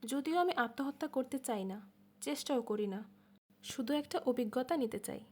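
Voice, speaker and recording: Woman voicing a brooding young man, blunt, probing, fairly high voice. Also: animated, moderate pace. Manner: blunt questioning.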